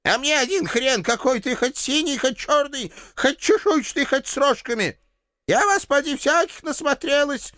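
A man reading an audiobook, voicing a cantankerous old village landlady who scolds and threatens in a shrill, creaky old-woman voice. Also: expressive, normal speed, sharp tone, no echo, studio quality, exaggerated voice. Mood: scolding.

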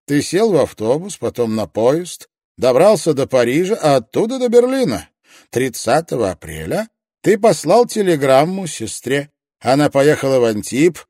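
A man voicing a calm, sarcastic male detective interrogating a suspect in an audiobook. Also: a little high, dry recording, studio quality, pitched above the performer's own voice. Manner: sarcastic, coolly reasoning. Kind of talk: audiobook character voice.

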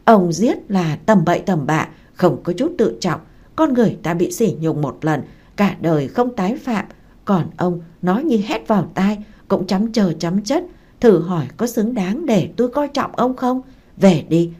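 A woman's voice: medium pitch, animated, normal speed, mellow, husky. A woman voicing a fierce, defiant young wife who scolds sharply. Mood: scornful.

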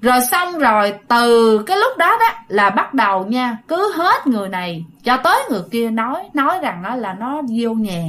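A woman with a Southern Vietnamese accent tells a ghost story in a casual, chatty way. Her voice sits high, and she keeps turning to speak directly to her listeners. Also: very animated, moderate pace, few pauses, a bit bright.

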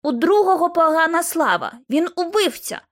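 A surly, greedy teenage watchman boy, put on by a woman reading a storybook aloud. He talks high and shrill, out of breath, his pitch leaping wildly from word to word. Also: expressive, moderate pace. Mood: wary. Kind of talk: audiobook character voice.

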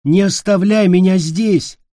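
A man voicing a terrified little boy who pleads and wails loudly. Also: on the high side, slow, husky, no room sound, studio quality, voice pushed up. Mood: wailing. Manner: pleading, wailing, loud.

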